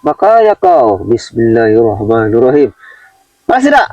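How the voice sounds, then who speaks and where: A man's voice: mid-range voice, very animated, moderate pace, no room sound, recorded from a distance, dull audio. A man leading an exorcism, questioning sternly and breaking into frequent Islamic exclamations. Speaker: exorcist, host. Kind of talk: exorcism session.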